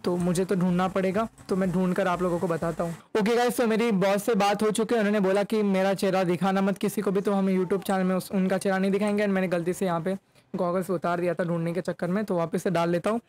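A young adult man, a gaming YouTuber, gives casual gameplay commentary mixing Hindi and English into a close microphone in front of his face. His high-pitched voice is fast, a little mellow, with little pitch movement.

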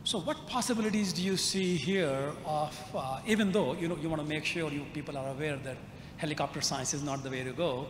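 A man in the audience asks a long, rambling question at a conference, halting and repeating words often. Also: on the high side. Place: large conference auditorium. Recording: echoey hall with audible noise.

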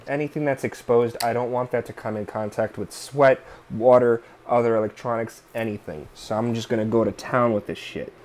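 In his living room, seated at a workbench board, a man in his thirties hosts a DIY repair tutorial, thinking aloud casually with fillers and small asides. His voice is mid-range and a little mellow, with slight background noise.

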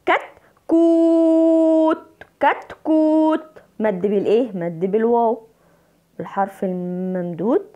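A woman with an Egyptian Arabic accent teaches young children Arabic in an online primary school lesson. Her mid-range voice is warm, and she stretches out words and answers her own questions.

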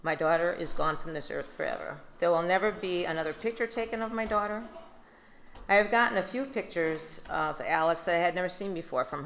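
An older woman with a Midwestern American accent, giving a steady, subdued prepared speech at a podium into a handheld mic. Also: low voice, slight background noise. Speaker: grieving mother giving a speech. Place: large banquet hall. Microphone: handheld microphone. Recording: echoey banquet hall.

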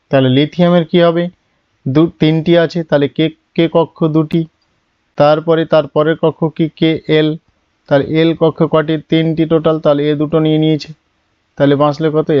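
A man teaches chemistry classroom-style, patiently going step by step and posing questions he then answers himself in a lower voice. His delivery is smooth, and the recording sounds muffled with no room sound.

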